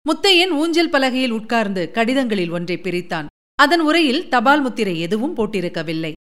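A woman narrating a novel chapter in a measured storytelling manner. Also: a little high, very animated, fairly bright tone.

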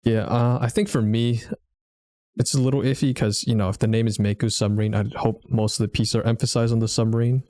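A man's voice: mid-range voice, flat delivery, fairly quick, dark tone, no room sound, studio quality. Laid-back man hosting a podcast. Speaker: podcast host. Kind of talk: casual podcast chat.

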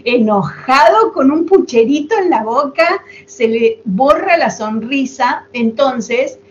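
A chatty woman hosts the conversation, spinning stories with fond little asides. Her voice sits fairly high. The recording is a bit dull, with a faint hiss underneath. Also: slow pace. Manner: chatty, affectionate, animated storytelling with asides. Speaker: podcast host. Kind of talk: casual chat.

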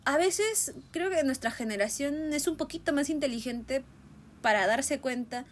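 A woman in her twenties thinking aloud in a relaxed monologue, musing and often ending her points with a questioning tag. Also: high-pitched, moderate pace, slight background noise. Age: 20s. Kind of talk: reflective casual monologue.

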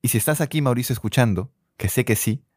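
A man's voice: mid-range voice, quick pace, slightly rough, no echo, studio quality. A man, co-hosting a casual podcast about filmmaking and telling stories with jokes. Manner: animated storyteller, joking. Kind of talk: casual chat.

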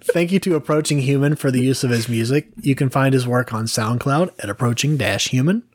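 Male podcast co-host, relaxed rambler, close dry mic. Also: mid-range voice, brisk, dry recording. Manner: rambling, hedging with fillers. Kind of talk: casual podcast chat.

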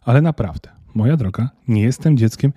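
A man's voice: mid-range voice, animated, brisk, warm tone, breathy edge, dry recording, muffled recording. A man voicing a proud, gloomy old male elf caretaker in a storybook reading, speaking with resigned dignity. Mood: dignified.

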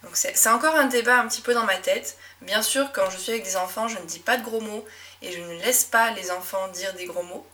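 A young woman from southwest France with a Médoc accent, a French teacher talking reflectively in a casual monologue, with frequent fillers and soft laughs. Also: mid-range voice, brisk, recorded from a distance. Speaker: French teacher and podcast host.

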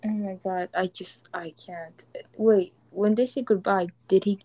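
A woman in a casual chat who mostly reacts with brief exclamations and a few questions. She speaks slowly in a mellow, slightly raised voice, and her sound is dry and close. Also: mid-range voice, steady tone, dry recording. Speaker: listener.

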